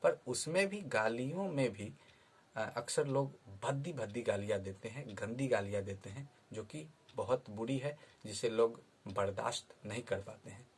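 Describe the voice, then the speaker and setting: A man teaching a vocabulary lesson, patiently repeating each word slowly before explaining its meaning. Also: mid-range voice, husky. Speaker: Hindi teacher.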